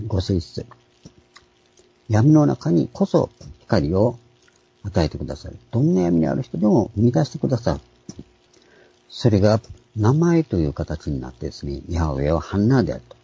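A man, a pastor, giving a calm, explanatory sermon with frequent pauses and fillers. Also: very deep voice, breathy edge, dull audio. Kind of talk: sermon on scripture names.

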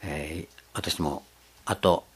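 An older man giving a slow, reflective sermon, pausing often with fillers. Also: low-pitched, breathy edge. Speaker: preacher.

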